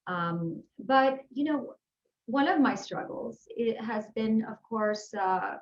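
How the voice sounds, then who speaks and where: A woman from Houston, Texas, in the United States, speaks as an interview guest; she works as an executive and life growth coach. Her fairly high, animated voice moves at a slow pace, and her answers are upbeat, earnest and conversational. The audio comes over a video call and sounds muffled.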